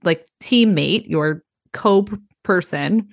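A woman's voice: lowish voice, drawn-out words, vocal fry, no room sound, studio quality. A woman hosting a podcast who reacts to a story with laughs and teasing asides. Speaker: podcast host. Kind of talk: casual chat.

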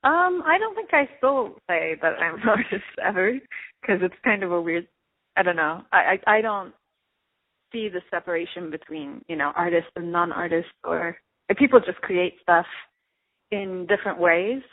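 A woman's voice: on the low side, lively intonation, normal speed. A woman from Turkey, an artist, answering interview questions in a reflective, casual way with many fillers and light laughs. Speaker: artist and guest. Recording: narrow phone-like sound.

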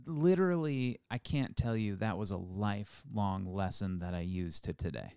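A man's voice: lowish voice, moderate pace, dark tone, clean tone, no echo, clean studio sound. A man in his forties co-hosting a podcast, chatting casually with playful teasing and rambling restarts. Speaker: podcast co-host. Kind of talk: casual chat.

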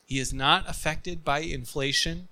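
A male pastor delivers an earnest sermon at an unhurried, deliberate pace. His voice is bright and clear, pressing points home through repetition. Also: a little high, poor audio. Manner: earnest, emphatic preaching with repetition; closes in soft, quiet prayer.

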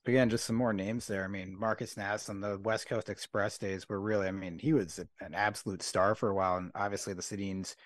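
Deeper voiced co-host rambling into a question, you know like, dry mic. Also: male voice, fairly even intonation, fairly quick, few pauses, dry recording. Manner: chatty, many fillers, builds up to his question. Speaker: podcast co-host. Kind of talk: interview questions.

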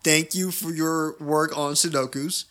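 A man with a bright, slightly high voice co-hosts a casual podcast. He teases his partner and breaks into laughter easily. His tone stays light and chatty. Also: fairly even intonation. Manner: teasing, quick to laugh. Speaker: podcast co-host.

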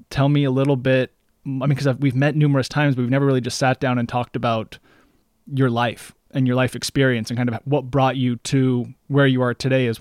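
A man's voice: mid-range voice, no room sound. Chatty male podcast host, dry sound. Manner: chatty, meandering questions full of "you know". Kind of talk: casual interview.

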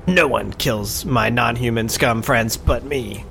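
A man voicing a cocky, swaggering human rogue with deadpan delivery. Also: mid-range voice, takes it slowly, gravelly, faint music behind.

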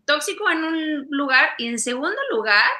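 Bright-voiced Mexican woman musing on parenting. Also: sits high, animated, moderate pace. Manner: reflective, often adds "¿sabes?". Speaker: parent sharing advice. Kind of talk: casual conversation.

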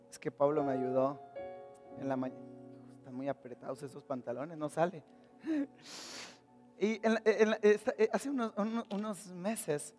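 A man's voice: high-pitched, a little mellow. A man preaching a sermon at a church service, energetically questioning the congregation and joking with them. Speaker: pastor.

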